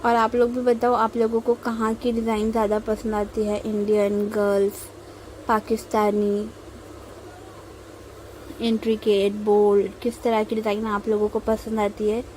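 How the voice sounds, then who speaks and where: A young woman from India explaining step by step as a tutorial host, slow and patient, with frequent pauses. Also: medium pitch, monotone, a little mellow, a little hiss or hum, low-quality recording. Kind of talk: instructional voice-over while drawing.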